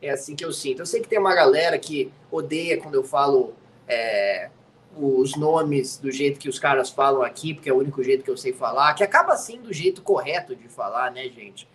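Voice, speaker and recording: In casual guest chat from his home studio, this American-raised NFL commentator teases and tacks "né?" onto his sentences. He sounds expressive and a little fast, mid-range and a bit bright, with slight background noise.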